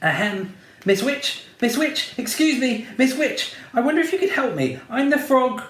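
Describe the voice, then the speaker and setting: A whiny, flustered young frog prince, voiced by a man reading aloud, pitched well above the reader's own voice. He gushes his words breathlessly, bouncing up and down in tone, in an echoey room. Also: very animated, moderate pace, fairly bright tone, full character voice.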